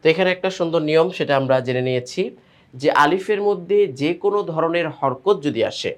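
A man teaching Quran reading, explaining pronunciation rules and then drilling syllables slowly and clearly, one by one. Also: on the high side. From Bangladesh. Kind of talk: step-by-step recitation lesson.

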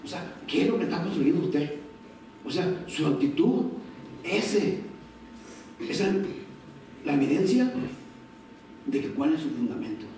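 A man's voice: fairly high pitch, big pitch swings, a little slow, long pauses, dark tone, a little hiss or hum. A man preaching a sermon as pastor, speaking conversationally and acting out short quoted family exchanges. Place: church sanctuary. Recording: distant mic in echoey church hall.

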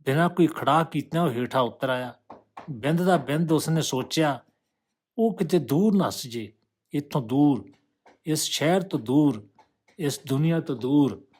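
A man reading a literary short story aloud in a steady, measured narrating voice. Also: on the high side, breathy edge.

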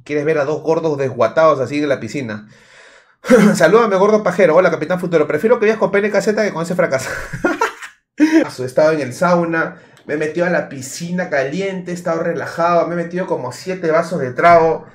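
A man's voice: fairly high pitch, fairly quick. A man with a Peruvian accent, tipsy and rambling in crude, joking casual chat as a livestreamer. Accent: Peruvian Spanish. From Peru. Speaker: streamer.

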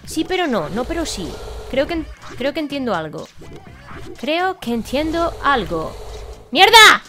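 A young woman with a Spain Spanish accent commentates her video game run, shouting, cursing and laughing as she plays. Her voice sits high. Soft music plays faintly under her. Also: sing-song, a little slow. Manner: exclaims, swears and laughs while playing. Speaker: gaming YouTuber. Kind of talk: excited gameplay commentary.

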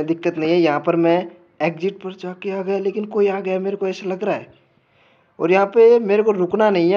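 A man's voice: high-pitched, warm tone, lo-fi sound. A man commenting as he plays a horror game, jumpy and panicky, talking to himself. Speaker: gamer.

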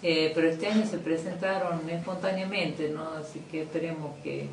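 A woman's voice: sits low, fairly even intonation, normal speed. A middle-aged woman with an Argentine accent, talking as a youth coordinator in a casual interview, chatty with many fillers and restarts. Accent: Argentine Spanish. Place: small office indoors. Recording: echoey room, distant mic, faint noise.

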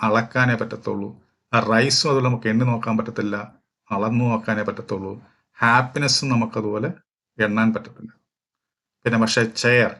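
A man from Kerala, walking through exam questions as a teacher, reading each question slowly and explaining at length with fillers. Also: mid-range voice, creaky, fairly bright tone. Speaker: English teacher for exam prep. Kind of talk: exam question walkthrough lesson.

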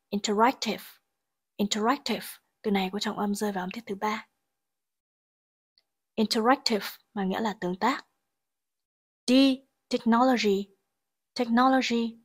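A woman leads an English grammar and pronunciation lesson, explaining the exam answers and slowly reading English sentences prior to translating them. She has a husky, mid-range voice.

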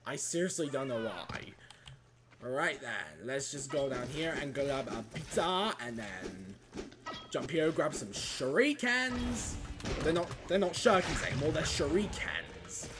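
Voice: medium pitch, slow, noisy background. A let's play gamer giving casual gameplay commentary, joking and talking back at the enemies on screen. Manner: animated, jokey, talks back at enemies. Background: game music.

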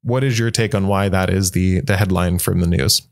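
A man co-hosting a podcast, talking in a quick, animated, conversational way with frequent restarts. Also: low voice. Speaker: podcast co-host. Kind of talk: casual discussion.

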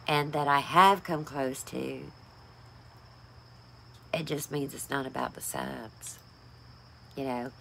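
A woman's voice: sits low, creaky, a bit bright, a little hiss or hum. A middle-aged woman vlogger talking in a casual, heartfelt way, rambling through emotional thanks with plenty of fillers. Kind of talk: casual heartfelt vlog chat.

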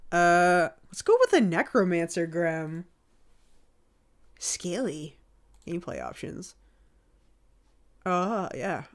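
A woman streamer giving casual, chatty commentary while she plays a game, reacting with quick exclamations. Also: lowish voice.

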